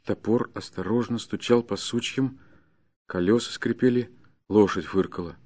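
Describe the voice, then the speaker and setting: A man reading a classic story aloud in a measured, even storytelling manner. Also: fairly low pitch. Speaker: narrator. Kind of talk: scripted narration of a classic story.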